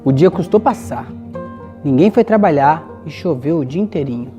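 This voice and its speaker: Brazilian woman storyteller, singsong rhymes, voice going all over, soft guitar behind. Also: sits low, moderate pace, muffled recording. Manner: lively, rhythmic, dramatic telling. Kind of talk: rhymed folk-tale recitation. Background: soft guitar music.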